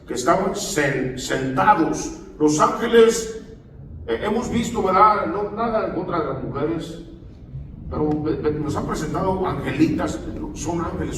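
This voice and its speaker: A man preaches a sermon, calling on his congregation for amens as he explains the text. His voice sits a little high and carries through a long, echoing hall. He is heard from some way off the mic, with faint room noise. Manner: call-and-response preaching, often asking the congregation for amens. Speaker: pastor. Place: church hall. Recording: echoey hall, voice far from the mic.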